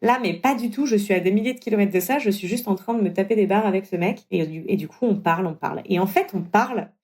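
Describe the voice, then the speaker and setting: A young woman tells her own story in a relaxed podcast chat. Her pitch sits in the middle, and she jumps up high when she mimics people or gets worked up. The delivery is animated and casual. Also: fast talker. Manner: animated, acts out dialogue with big pitch jumps. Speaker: guest telling her story.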